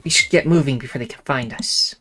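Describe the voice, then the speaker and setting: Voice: medium pitch, a little fast, fairly bright tone, soft background music, low-quality recording. A streamer narrating a visual novel in the first person, with casual asides in between. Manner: narrates in first person, breaks off to joke and laugh. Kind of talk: reading a visual novel aloud with commentary.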